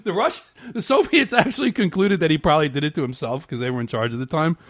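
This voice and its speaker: A man's voice: on the high side, lively intonation, dry recording. Rambling man host, dry close mic. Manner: rambling, halting, with frequent restarts and laughter. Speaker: podcast host. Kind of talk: casual interview chat.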